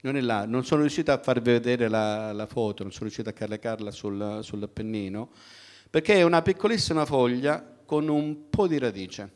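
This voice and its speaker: Here a middle-aged man preaches with a medium-pitched, animated, slightly mellow voice. His sermon feels like direct conversation, full of rhetorical questions and pauses that invite the congregation's replies.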